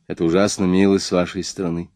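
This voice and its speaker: A man's voice: sits low, flat delivery, quick pace, darkish tone, no room sound, clean studio sound, lightly acted. A man reading the lines of a shy, hapless young man who stumbles over his words in an audiobook. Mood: sheepish. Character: timid, hapless young man posing as a robber.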